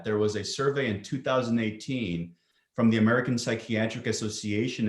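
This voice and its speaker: A male psychiatrist answering interview questions thoughtfully, often pausing with ums and restarting sentences. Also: on the low side. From Greece. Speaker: psychiatrist guest. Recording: roomy echo.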